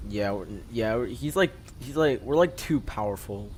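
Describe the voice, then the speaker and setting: A teenage or young adult man casually commentates a live game stream, rambling and often repeating himself in an animated, mid-range voice at a moderate pace. Game music and sound effects play over him, and there's a little hiss or hum.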